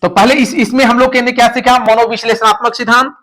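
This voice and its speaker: A man's voice: extremely high pitch, steady tone, fast, fairly bright tone. A male teacher giving a classroom lecture, explaining points through stories and repeating the key terms.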